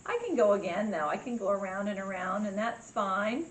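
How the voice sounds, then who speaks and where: A woman's voice: mid-range voice, normal speed. A woman presenting a step-by-step craft tutorial for children, with simple instructions and a cheery children's-host way of talking. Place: indoor room with echo. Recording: echoey room with faint background noise.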